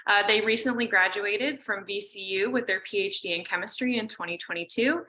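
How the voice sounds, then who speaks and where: A woman co-hosting an online webinar over a video call, reading a brisk scripted introduction of the speaker. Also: mid-range voice, sharp tone, low-quality recording. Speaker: co-host.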